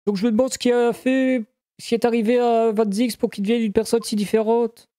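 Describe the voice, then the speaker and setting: A man's voice: extremely high pitch, level tone, fairly quick, mellow. A man voicing a polite, puzzled young man in an amateur detective game dub, reading hesitantly. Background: game music.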